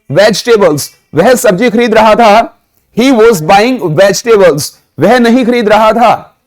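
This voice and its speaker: High-voiced teacher drilling phrases. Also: male voice, a little mellow. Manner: drills phrases, asks the class questions and answers himself. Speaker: spoken English teacher. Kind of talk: classroom lesson.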